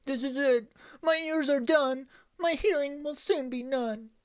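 A man's voice: very high-pitched, measured pace, pitched above the performer's own voice. A man voicing a small, frightened boy crying out in panic. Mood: panicked. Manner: wailing, panicked. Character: small frozen scared blond boy.

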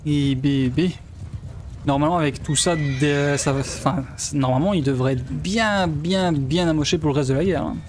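A man's voice: fairly high pitch, moderate pace, darkish tone, slight background noise. A man from Belgium giving live commentary on his strategy game, thinking aloud and often trailing off mid-sentence. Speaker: let's play gamer.

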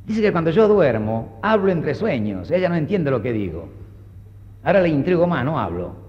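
A man performing a stand-up comedy monologue in a dry, understated deadpan manner. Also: a little high, moderate pace, muffled recording. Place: stage before a live audience. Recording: live show with audience and faint noise.

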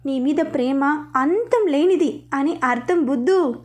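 A woman's voice: high voice, unhurried. A woman voicing a teasing young wife. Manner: teasing, coy.

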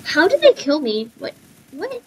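A young female gamer chatting excitedly while playing, chanting words and breaking into screams. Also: high voice, normal speed, slight background noise, poor audio. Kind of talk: casual gaming chat.

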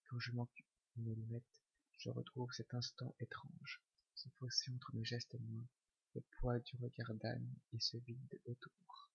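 Man, whispered ASMR reading, dry close sound, flat even delivery, slow and hushed. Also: mid-range voice, vocal fry, breathy edge, no echo. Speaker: ASMR reader. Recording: dull lo-fi recording.

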